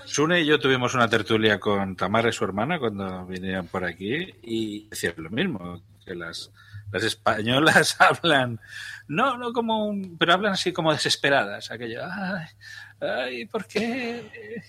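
A man co-hosts a casual podcast, chatting in an easy, agreeable way. His voice is bright and forward, with a husky edge and a lot of breath in it. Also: mid-range voice, big pitch swings, normal speed. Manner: laughing, agreeable. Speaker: podcast co-host. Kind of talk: casual chat.

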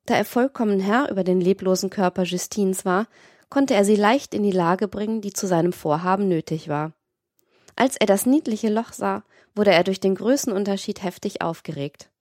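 A woman narrating a classic novel as an audiobook in a measured, literary manner. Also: medium pitch, darkish tone, dry recording, clean studio sound.

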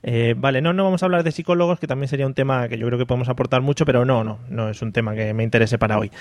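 A man's voice: medium pitch, racing, no echo, studio quality. A man hosting a casual podcast chat, joking and laughing often. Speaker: podcast host.

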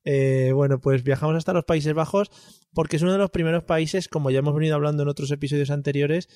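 A man's voice: fairly high pitch, dark tone, dry recording, studio quality. A man with a Castilian Spanish accent co-hosting a podcast in casual, slangy, joking banter. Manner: jokey, slangy. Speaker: podcast co-host.

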